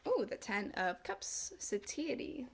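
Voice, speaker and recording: A woman with a congested voice, recovering from a cough, giving a casual tarot reading with halting pauses. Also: a little high, big pitch swings, creaky, a little hiss or hum. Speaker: tarot reader.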